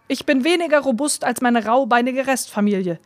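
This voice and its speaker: A woman's voice: high voice, brisk, no echo, lightly acted. A woman voicing a complaining hungry rat in a tongue-twister story, rolling her Rs. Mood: whiny. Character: whiny hungry male rat.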